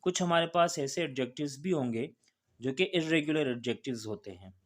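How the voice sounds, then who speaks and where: A man's voice: fairly high pitch, fairly quick. A man teaching a grammar lesson in a patient, repetitive way, spelling words out letter by letter and often checking in with the listener. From Pakistan.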